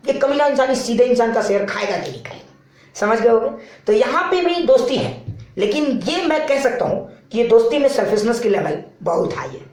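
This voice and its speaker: A man's voice: extremely high pitch, darkish tone. A male physics teacher giving a casual classroom lecture, explaining with playful analogies and often checking that students follow. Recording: very echoey room.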